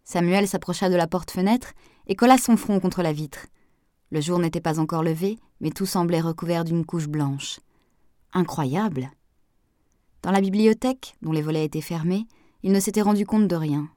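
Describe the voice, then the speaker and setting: A woman narrating a novel in French in an even, measured way. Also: lowish voice, dry recording, studio quality. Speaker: audiobook narrator. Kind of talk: scripted narration.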